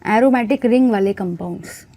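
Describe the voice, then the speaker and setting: A woman's voice: mid-range voice, moderate pace, dark tone. A woman teaching a chemistry class, asking questions and answering them herself, calling the students bhai and guys.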